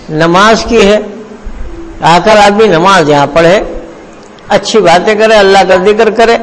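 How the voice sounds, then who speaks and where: A man preaching a sermon, telling a story with slow, emphatic pauses. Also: high voice. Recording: long hall reverb, faint room noise.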